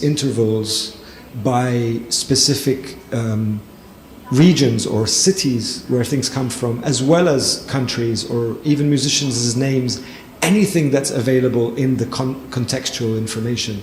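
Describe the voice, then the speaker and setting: Speaking at an unhurried pace in a mid-range voice, a male panelist and lecturer responds to someone in the audience. He's thoughtful yet often restarts and says um. The event hall is echoey, with a faint hum of noise.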